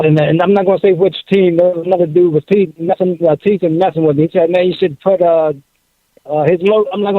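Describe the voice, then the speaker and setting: A male radio caller talking eagerly and haltingly, with many fillers, over a muffled phone line that sounds like he is underwater. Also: sits high, dry recording. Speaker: radio call-in listener. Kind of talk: casual phone-in chat. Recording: tinny garbled phone line.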